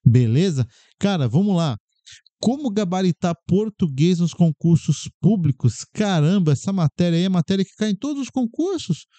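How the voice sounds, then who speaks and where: A man from Brazil hosts his own podcast and talks casually to the audience, animated and full of rhetorical questions. His voice sits a bit high yet sounds very dark and mellow. It is recorded close and dry, with no room sound. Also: normal speed, dry recording. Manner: animated, addresses viewers as "gente" and "cara", rhetorical questions. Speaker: podcast host. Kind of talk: casual talk to camera about exam study.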